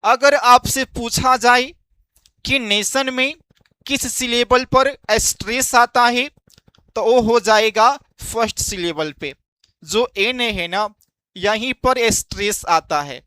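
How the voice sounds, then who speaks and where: A male exam-coaching teacher who talks slowly and deliberately. His voice is bright and crisp, and it sounds dry and close. He explains step by step, throwing out quiz-style questions and answering them himself. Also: very high voice, no echo. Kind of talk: exam-prep lesson.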